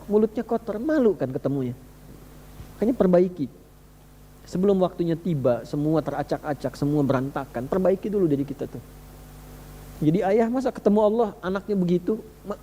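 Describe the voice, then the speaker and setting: A man preaching a sermon to a live congregation, telling a story with quoted voices and rhetorical questions, now and then reciting Arabic verses. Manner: animated storytelling with wide pitch swings and rhetorical questions. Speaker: Islamic preacher. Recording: long hall reverb with faint hum.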